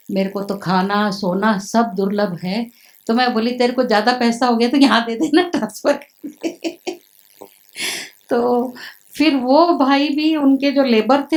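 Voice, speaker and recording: A middle-aged woman sharing personal experiences in an animated storytelling talk, acting out quoted dialogue. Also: mid-range voice, poor audio. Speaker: spiritual center sister sharing experiences.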